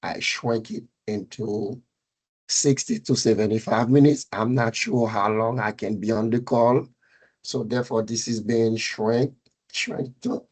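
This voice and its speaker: A middle-aged man from Haiti with a Creole and French accent, giving a technical presentation on a call, halting with many fillers, just getting over a cold. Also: on the low side, fairly even intonation, a little mellow, slightly rough. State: recovering from a fever and cold. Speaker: meetup speaker, data architect.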